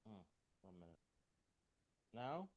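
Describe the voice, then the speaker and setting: A man's voice: fairly low pitch, sing-song, takes it slowly, lo-fi sound. Faint man on a phone held away. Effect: faint, distant voice from a phone held away from the mouth. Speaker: meeting participant on a call. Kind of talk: casual meeting talk. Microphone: phone on a call, held away.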